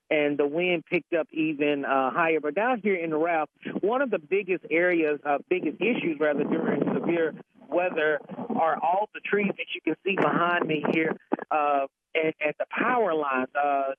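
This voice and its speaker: A man giving a live severe weather report from the field in a halting way, correcting himself as he goes. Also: fairly high pitch, no echo, narrow, tinny audio. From Alabama, United States. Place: outdoors in a windy residential area.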